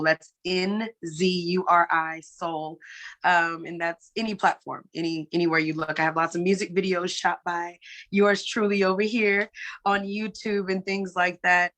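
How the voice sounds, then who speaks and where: A woman musician speaking as a guest in a candid online conversation, emotional and halting, often repeating her words. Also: lowish voice, fairly even intonation, fairly bright tone. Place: online webinar call.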